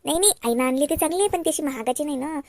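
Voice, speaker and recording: A woman's voice: high-pitched, animated, very fast, darkish tone, a little hiss or hum. A woman playing a fussy, chattering young wife with a Varhadi Marathi accent in a cartoon.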